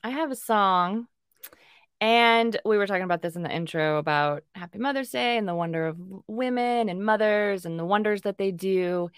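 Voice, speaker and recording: A woman co-hosts a podcast in loose, chatty conversation that keeps wandering. Her voice sits in a middle pitch. The sound is close and dry, with no room around it. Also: normal speed, clean tone, no room sound. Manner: giggly, chatty, loose rambling. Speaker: podcast co-host. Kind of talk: casual chat.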